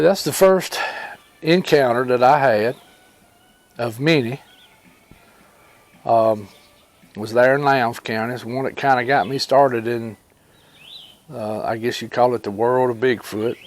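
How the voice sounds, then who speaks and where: A man with a rural Alabama drawl spins a personal tale as if by the fireside. His delivery is folksy and unscripted, wandering along with pauses and bits of retold conversation. His pitch sits in an ordinary male range. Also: a little mellow. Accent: Southern US, rural Alabama. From Alabama, United States. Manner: folksy, rambling, with pauses and reported dialogue. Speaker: storyteller and homesteading channel host. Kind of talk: fireside storytelling of personal experiences, informal and unscripted.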